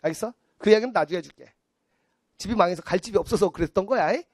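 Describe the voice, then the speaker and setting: A man's voice: high-pitched, fast talker, breathy edge, no room sound. A man in his forties lecturing a class on math, blunt and teasing, acting out little scenes of the people he talks about.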